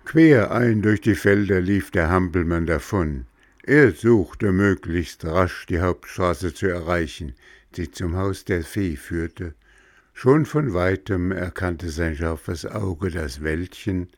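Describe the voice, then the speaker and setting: Slow, low-voiced male storyteller. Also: dry recording, clean studio sound. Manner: measured, expressive storytelling. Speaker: narrator. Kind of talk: storybook audiobook reading.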